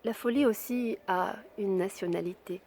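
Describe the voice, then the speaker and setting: A woman giving an expressive, intimate reading of a literary text, her voice sometimes dropping to a whisper. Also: medium pitch, normal speed, a little hiss or hum. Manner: hushed, intimate delivery that drops into whispers.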